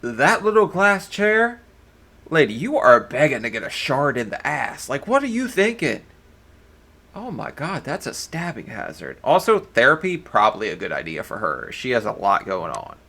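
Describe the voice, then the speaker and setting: A man comments bluntly on a reality show clip, cracking crude jokes. His voice sounds bright and sharp. His pitch swings up and down a lot as he reacts. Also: wildly swooping pitch, moderate pace, creaky. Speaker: reaction video host. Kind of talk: casual commentary.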